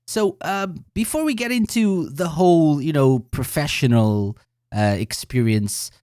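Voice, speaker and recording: A man's voice: on the high side, measured pace, a little mellow, smooth, dry recording, studio quality. A man hosting a podcast, reading a scripted intro and then chatting with a guest in an upbeat way. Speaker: podcast host. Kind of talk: scripted intro then casual interview chat.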